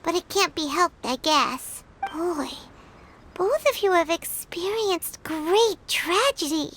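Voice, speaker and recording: Very high-pitched little girl companion. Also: expressive, takes it slowly, a bit bright, slight background noise, full character voice. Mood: thoughtful, sympathetic. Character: small childlike floating girl companion, chatty and concerned. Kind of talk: video game character dialogue.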